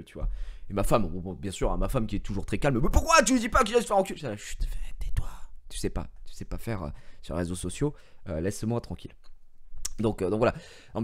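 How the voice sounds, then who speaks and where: A man in his thirties, a streamer chatting casually to his viewers, telling stories in an animated way and swearing freely. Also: mid-range voice. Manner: animated storytelling, swears freely, mocks others in raised voice. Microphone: gaming headset.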